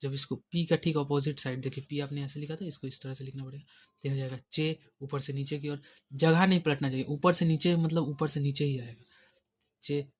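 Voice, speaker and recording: A man's voice: on the high side, fairly even intonation, brisk. Patient male shorthand teacher. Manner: patient and repetitive, often checking in with "thik hai". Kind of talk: step-by-step spoken lesson.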